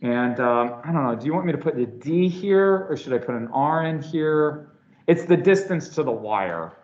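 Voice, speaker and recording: This physics lecturer's voice is a little high and darkish in tone, animated, at normal speed. Teaching a class with a sore throat and slightly slurred words, he speaks casually with lots of restarts and fillers, captured in an echoey lecture hall with dull lo-fi sound.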